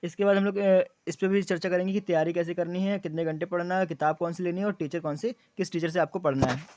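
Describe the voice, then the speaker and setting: High-voiced man explaining exam rules. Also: steady tone, fast talker, darkish tone. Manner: repeats key points as questions and answers; frequent fillers. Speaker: exam coaching YouTuber. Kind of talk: explaining exam details to students.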